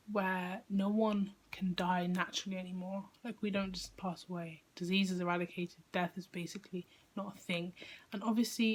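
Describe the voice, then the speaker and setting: Young woman vlogging about books, chatty and rambly, lots of likes and ums. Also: medium pitch. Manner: rambling, many fillers and restarts. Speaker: book vlogger. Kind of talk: casual chat.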